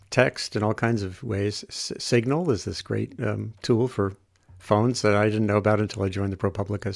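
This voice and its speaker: A man with a lowish, creaky voice talks through his points as a reporter would on a podcast. He is casual and digressive, stopping often to rephrase and find the next word. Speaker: journalist on a podcast. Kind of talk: casual explanatory discussion.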